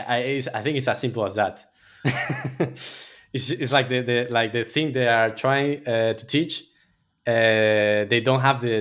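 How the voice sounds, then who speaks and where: Guy, guest on a podcast, keeps restarting his words, mid pitch. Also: a bit bright. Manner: hesitant, many fillers and repeated words. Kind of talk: casual interview chat.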